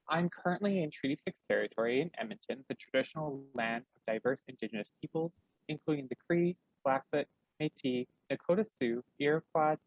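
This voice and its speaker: A man's voice: medium pitch, dry recording, phone-quality sound. A man hosting an online gallery program, reading a formal, scripted introduction. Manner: scripted and formal, with a slight stumble. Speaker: public program coordinator and host. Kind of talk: read introduction.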